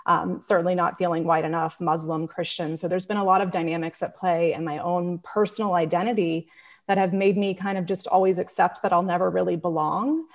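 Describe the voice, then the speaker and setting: Earnest woman panelist, reflective, voice a little low. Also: steady tone, brisk. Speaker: panelist, founder. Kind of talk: panel introduction.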